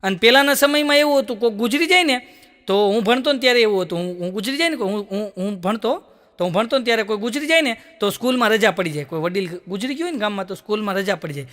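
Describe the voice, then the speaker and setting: A man's voice: high voice, animated, quick pace, a bit bright. A man telling stage jokes, acting out the lines of each character and laughing between punchlines. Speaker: stand-up comedian. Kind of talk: Gujarati joke-telling stage show. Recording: long hall reverb.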